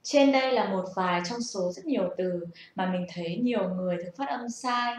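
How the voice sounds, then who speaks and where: A woman's voice: medium pitch, brisk, loud music behind the voice. A young woman gives a casual, patient spoken lesson and asks the listener rhetorical questions. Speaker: self-taught English learner sharing tips. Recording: echoey room.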